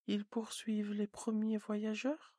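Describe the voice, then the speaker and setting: The little prince, a narrator whispering a soft curious boy. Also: mid-range voice, completely flat delivery, no echo, studio quality. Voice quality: soft, hushed, slow. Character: small gentle boy prince, earnest and curious. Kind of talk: whispered role-play.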